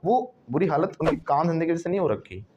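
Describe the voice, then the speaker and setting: A man teaching a bilingual English lesson in a classroom. He prompts a student to repeat phrases, checks "right?" often, and says words over and over slowly to drill their pronunciation. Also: on the high side, very animated, dull audio, noisy background.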